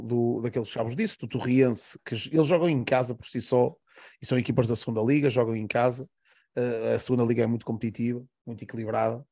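Gravelly, mellow Portuguese man on a podcast. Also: mid-range voice. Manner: repetitive, listing points, self-correcting. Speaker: panelist. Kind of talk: casual podcast football analysis.

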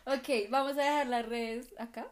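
A woman's voice: high voice, fairly even intonation, normal speed, a crowd in the background. A woman co-hosting a podcast, speaking casually in a blunt, emphatic and joking way. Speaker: podcast co-host. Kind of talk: casual chat.

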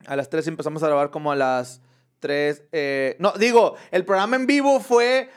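A man, a comedian and podcast host telling an anecdote in casual chat, animated and full of crude slang. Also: fairly high pitch, normal speed, clear, resonant tone.

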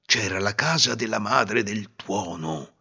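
A man narrating a fairy tale slowly and expressively, with a husky voice. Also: lowish voice. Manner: slow, expressive voicing. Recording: slightly muffled lo-fi recording.

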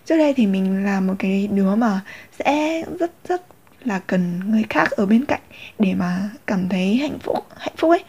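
A woman's voice: medium pitch, lively intonation, moderate pace, mellow, breathy edge. A young woman, rambling candidly in a casual confessional vlog. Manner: rambling, many fillers and restarts, candid. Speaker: vlogger.

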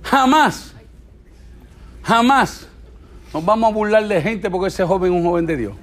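A middle-aged man, preaching in a playful, animated and exhorting way at church. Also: sits high, fast talker. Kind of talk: church teaching talk.

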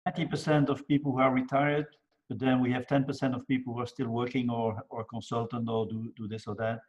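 An older man, a business mentor guest speaking in a measured, methodical way. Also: medium pitch, level tone, a little mellow, lo-fi sound. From Belgium. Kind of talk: casual interview talk.

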